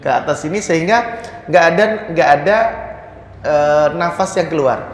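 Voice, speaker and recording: A man's voice: on the high side, a little hiss or hum. Man teaching recitation in an echoey prayer hall. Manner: drawn-out pronunciation drills, frequent "ya" and "gitu". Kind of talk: casual tajwid lesson with demonstrations. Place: prayer room, indoors.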